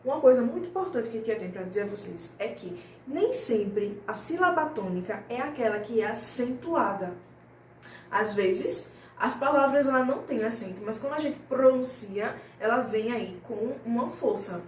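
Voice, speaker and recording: A woman teaching young children in a recorded lesson, her voice a little high and patient. She draws example words out slowly and checks in often. The sound is roomy and set back from the mic, with a faint hiss underneath. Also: lively intonation, far from the mic. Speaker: primary school teacher. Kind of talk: recorded remote class lesson.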